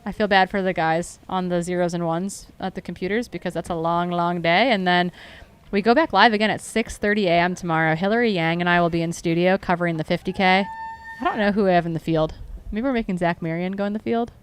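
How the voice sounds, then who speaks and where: A woman's voice: lowish voice, steady tone, fast, clear, resonant tone. A woman commentating a live trail race, chatty and upbeat, often correcting herself.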